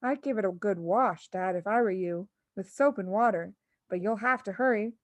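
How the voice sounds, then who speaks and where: A woman voicing a composed, innocent-sounding little girl in a storybook, speaking softly and politely. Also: mid-range voice, dry recording, natural voice. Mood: helpful, calm. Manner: soft, measured, polite.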